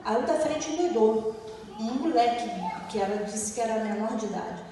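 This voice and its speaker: A woman's voice: fairly high pitch, normal speed, dark tone, far from the mic. Woman testifying in an echoey hall. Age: middle-aged. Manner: storytelling, acting out quoted voices. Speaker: church speaker giving testimony. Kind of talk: testimony sermon.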